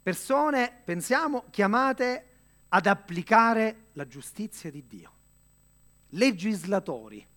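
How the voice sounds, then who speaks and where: High-voiced man preaching earnestly. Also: big pitch swings, a bit bright. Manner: earnest, measured preaching with dramatic pauses; addresses the listener directly. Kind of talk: sermon.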